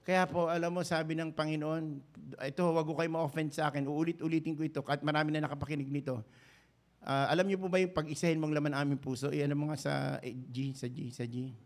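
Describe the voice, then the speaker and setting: A man with a Filipino accent, a pastor preaching a sermon in a fervent style, slowing down to stress lines and breaking into sung prayer. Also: a little high, fairly even intonation. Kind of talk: Taglish sermon, livestreamed.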